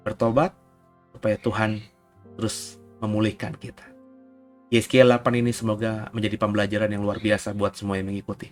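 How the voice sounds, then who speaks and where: A man, a pastor giving an emphatic Bible teaching sermon that rises to near-shouts on key points. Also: lowish voice, flat delivery, a little fast, pauses often, faint music behind.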